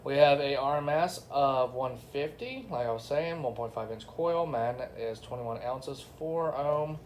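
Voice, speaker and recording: In an unhurried, mid-range voice, a man casually reviews a product without a script, chatting with viewers he calls "y'all" and "guys." A slight hiss or hum sits under the audio.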